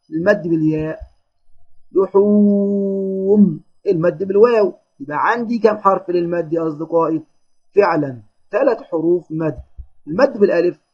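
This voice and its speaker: A man with an Egyptian accent teaching young children their letters, praising them and drawing out each syllable slowly. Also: high voice, breathy edge. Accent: Egyptian Arabic. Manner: encouraging, drawn-out syllable drills. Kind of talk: children's phonics lesson. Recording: dull lo-fi lesson audio.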